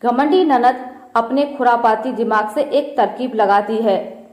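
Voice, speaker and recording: A woman narrating a moral family story in a measured, scripted storybook style. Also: fairly high pitch, a little mellow. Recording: roomy echo.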